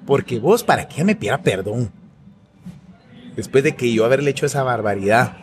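A man's voice: medium pitch, animated, normal speed, noisy background. A man with a Guatemalan accent, a university professor, telling a personal story in casual conversation, slangy and laughing often. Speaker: podcast guest, university professor.

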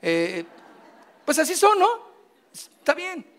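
A middle-aged Mexican pastor with a fairly high voice gives a sermon in a casual, chatty way. He keeps throwing questions at his congregation and slips in jokes. The sound carries a long reverb from the church hall. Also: very animated, slow pace, fairly bright tone. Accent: Mexican Spanish.

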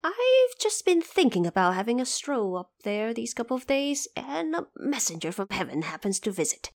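Woman voicing eager, lively Monkey King, pitched up. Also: normal speed. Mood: excited, eager.

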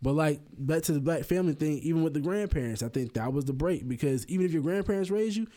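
A man with a high, quick voice talks in a loose podcast chat. He rattles along fast, swears freely, and jumps into little acted-out quotes of his family. The talk is casual and lively. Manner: animated, acts out quotes of his kids and parents; uses profanity freely. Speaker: podcast co-host.

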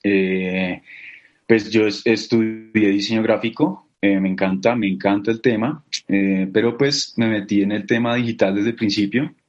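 A man's voice: lowish voice, moderate pace, highs cut off. A man with a Bogotá Colombian accent, speaking as an interview guest in a casual, hesitant way with many fillers. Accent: Bogotá Colombian Spanish. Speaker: guest, company co-founder.

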